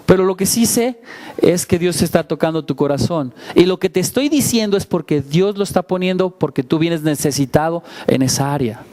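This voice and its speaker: High-voiced man preaching conversationally. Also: moderate pace, dark tone. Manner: conversational preaching with frequent rhetorical questions; self-deprecating asides. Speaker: pastor. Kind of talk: sermon.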